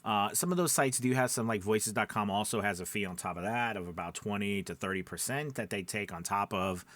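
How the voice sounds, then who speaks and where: This man speaks briskly in a fairly low, fairly bright voice. Acting as a voice-over coach, he chats casually to camera with instructional tips, peppering his talk with check-ins such as "okay" and "right."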